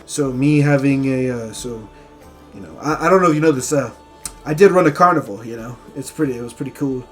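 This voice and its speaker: A man's voice: medium pitch, brisk, faint music behind, lightly acted. A man voicing a boastful, defensive traveling storyteller in a tabletop game, rambling and hesitant as he insists on his tales. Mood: defensive, insistent.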